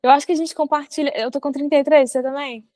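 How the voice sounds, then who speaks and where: High-voiced woman host on earbuds. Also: steady tone, quick pace, mellow, no room sound. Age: 30s. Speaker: podcast host. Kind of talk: casual video-call interview. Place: living room indoors. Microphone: wired earbuds on video call.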